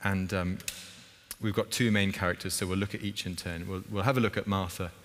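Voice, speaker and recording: A man's voice: low-pitched, steady tone, a little fast, a bit bright, a little hiss or hum. Man, preacher, sermon, chatty, asks the congregation questions, long church reverb. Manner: conversational, asks the congregation questions, acts out scenes.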